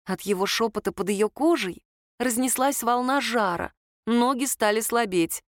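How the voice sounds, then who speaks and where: Expressive woman reading an audiobook. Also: fairly high pitch, moderate pace, no echo, clean studio sound. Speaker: audiobook narrator. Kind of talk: audiobook narration.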